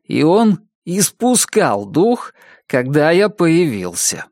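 A cheerful young male student, played by a male narrator, who stumbles slowly through a cheap novel and begs to be let off. His voice sits well above the reader's own and drags word by word. The delivery is lively and wheedling. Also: fairly high pitch, no echo, clean studio sound, voice pushed up. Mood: halting reading. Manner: slow stumbling reading aloud.

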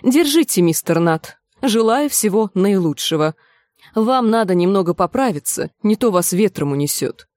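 Woman reader as a no-nonsense, motherly young cook, scolding and brisk. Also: medium pitch, expressive, a little mellow, no room sound, lightly acted. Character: bossy, kind-hearted young woman cook.

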